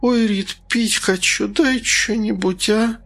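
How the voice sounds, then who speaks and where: A man voicing a drugged, half-conscious nurse who speaks hoarse and slurred, slowly coming round. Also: mid-range voice, fairly even intonation, faint music behind, voice pushed up. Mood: weak.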